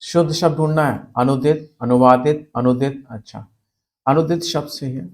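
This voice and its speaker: A man teaching a spelling lesson, asking questions and answering them himself, repeating key words slowly. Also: medium pitch, fairly even intonation. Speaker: Hindi grammar teacher.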